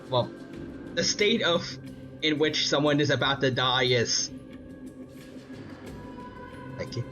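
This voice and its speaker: A young man giving casual gaming commentary, joking and thinking aloud in rambling sentences. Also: medium pitch. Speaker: gaming streamer reacting. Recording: slightly dull audio, music underneath. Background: game music.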